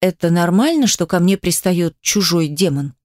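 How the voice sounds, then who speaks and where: A woman reading a novel aloud as the narrator, steady first-person storytelling. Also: fairly low pitch, normal speed, dry recording, clean studio sound. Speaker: audiobook narrator. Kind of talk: scripted narration.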